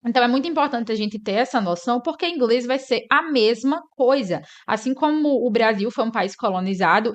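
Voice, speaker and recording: A woman's voice: fairly high pitch, muffled recording. A woman from Northeast Brazil, explaining an English lesson and often checking in with her listeners. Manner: explanatory, tags sentences with "né?". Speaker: English teacher.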